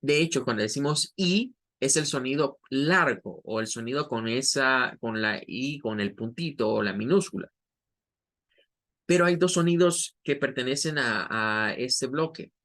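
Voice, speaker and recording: A man teaching English pronunciation in a patient, explanatory way, slowly modeling each word. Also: mid-range voice, fairly bright tone. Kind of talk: online pronunciation lesson.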